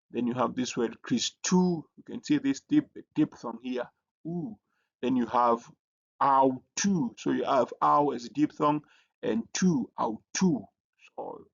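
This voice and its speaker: A man gives a recorded lesson, pausing often and repeating his words as he explains each point. His voice is gravelly and he speaks slowly. The recording sounds dull and lo-fi. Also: mid-range voice. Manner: halting, many fillers and repeated words. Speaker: Greek teacher.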